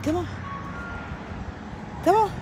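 A woman's voice: slow pace, noisy background. A woman pastor talking casually while walking her dog, praying and chatting to viewers. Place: outdoors on a street, then inside a pet shop.

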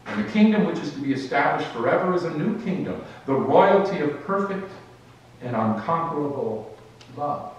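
A man putting on a venerable old rabbi, gentle and wise, who gives counsel slowly and solemnly. The voice carries from a distance through a booming, echoey sanctuary with faint room hum. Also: natural voice.

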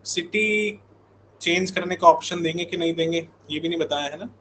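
An Indian man in his thirties teaches an online coaching class, chatting informally with his live students and repeatedly using check-in tags. His fairly high, slightly bright voice moves at normal speed. The audio is poor, with a little hiss or hum.

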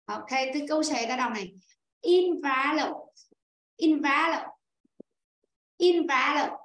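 High-voiced woman teacher in an echoey room. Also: brisk, fairly bright tone. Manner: patient, explains step by step and calls on pupils. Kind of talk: online class teaching. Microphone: video call.

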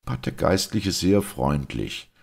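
A man reading an audiobook as expressive, scripted narration. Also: a bass voice, takes it slowly, gravelly, breathy edge. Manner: expressive storytelling. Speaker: audiobook reader.

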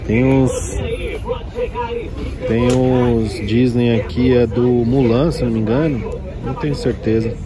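Filming on his phone as he wanders an outdoor street market, this man with a Brazilian Portuguese accent casually and excitedly shows off toys, constantly pointing things out as a vlogger at the toy stalls. He speaks at medium pitch with fairly even intonation and a measured pace, pausing often. Crowd noise, music and traffic can be heard.

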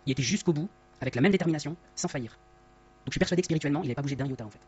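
A man giving an earnest, conversational Bible study talk, often rephrasing himself, his voice masked by voice-disguising software on a dull, lo-fi recording. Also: on the high side, rapid-fire, breathy edge. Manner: earnest, rephrases often, tags lines with "hein". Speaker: Bible teacher. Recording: dull lo-fi sound.

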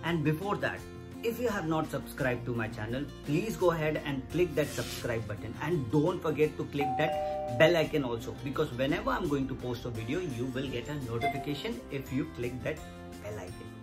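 A man talks straight to camera in an earnest, repetitive way, urging his viewers along. Music plays clearly underneath him in a small indoor room. His pitch sits in a middling range. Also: lively intonation, normal speed. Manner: earnest, repeats points, direct appeals to viewers. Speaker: vlogger. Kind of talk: casual explainer talking to camera. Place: small indoor room against a plain wall.

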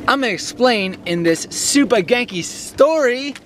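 A man's voice: extremely high pitch, unhurried. Hyped young man vlogging on a boat. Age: young adult. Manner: energetic, hyped, slangy. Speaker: vlogger host. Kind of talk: motivational vlog talk. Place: small sailboat on open water outdoors. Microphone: camera held at arm's length. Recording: wind and water noise outdoors. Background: wind and water.

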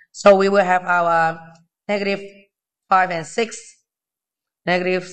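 Thin, weak, high-pitched male maths tutor. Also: a bit bright, poor audio. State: unwell, weakened voice. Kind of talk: informal step-by-step tutorial narration. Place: indoors at a desk.

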